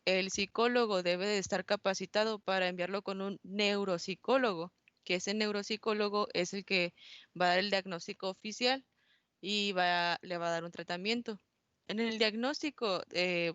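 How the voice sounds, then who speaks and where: A woman's voice: mid-range voice, fairly bright tone, clean tone, no room sound. A young woman giving a class presentation as a student, hesitant, with many fillers and self-corrections. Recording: dull, dry close recording.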